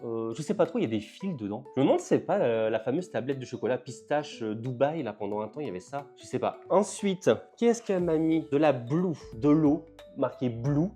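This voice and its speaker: A man's voice: fairly high pitch, dark tone. An older man chatting casually in a vlog, unboxing snacks, laughing and stumbling over English words. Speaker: vlogger.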